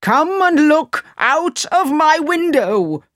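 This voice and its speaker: A woman's voice: high voice, big pitch swings, takes it slowly, no echo, studio quality, voice pushed up, full character voice. A woman voicing a stern angry sultan.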